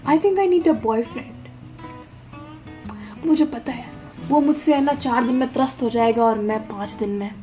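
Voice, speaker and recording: Young woman, from India, high voice, rambling late-night vlog, Hindi-English mix, casual swearing, lying on the floor, phone camera, faint guitar music. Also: a little slow, pauses often, dark tone. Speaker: vlogger. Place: lying on the floor indoors at home. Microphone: phone camera up close.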